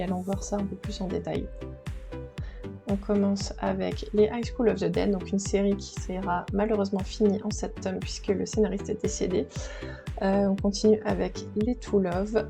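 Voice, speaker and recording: A chatty woman walks through her bookshelves at home in an easy, enthusiastic vlog, talking over a handheld camera. Her voice sits at an ordinary middle pitch. Clear background music plays under her talk. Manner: chatty, enthusiastic, filmed while handheld, with filler pauses. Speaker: manga collector vlogger. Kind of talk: casual shelf-tour vlog. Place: at home by bookshelves in the living room.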